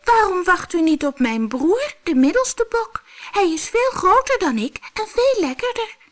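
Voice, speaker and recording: A narrator voicing a tiny, frightened young billy goat with a squeaky, pleading voice in a storybook reading. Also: very animated, a little slow, fairly bright tone, full character voice.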